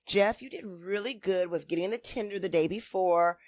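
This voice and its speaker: A woman's voice: medium pitch, moderate pace, dry recording. A woman chatting casually as a co-host, giving opinionated recap commentary in a blunt, emphatic, sassy way.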